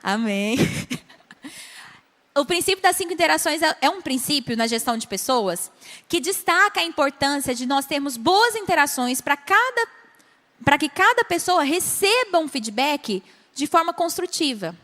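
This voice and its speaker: Woman, Brazilian accent, pastor, lively teaching with acted-out dialogues, echoing conference hall. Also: high voice, normal speed. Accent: Brazilian Portuguese. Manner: animated, acts out dialogues, asks audience questions. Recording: long hall reverb.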